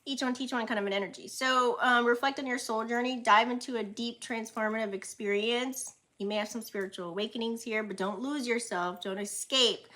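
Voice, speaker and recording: A woman's voice: a little high, steady tone, brisk, few pauses, bright, forceful tone. A woman doing a casual astrology and tarot reading for her viewers, chatty and slangy, laughing often and acting out reactions, her speech a little muffled by a retainer.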